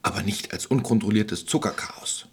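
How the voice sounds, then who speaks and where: A man voicing a calm, wise forest environmental expert who speaks in a soothing, lecturing, husky tone. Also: fairly low pitch, moderate pace.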